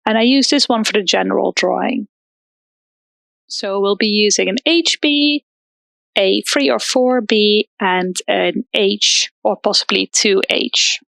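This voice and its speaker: A woman's voice: mid-range voice, a little slow, vocal fry, a bit bright, no echo. A young woman from the Netherlands, an art teacher, explaining drawing basics step by step with some fillers, recorded in a hairdresser's salon used as a temporary studio. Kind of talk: drawing lesson demonstration.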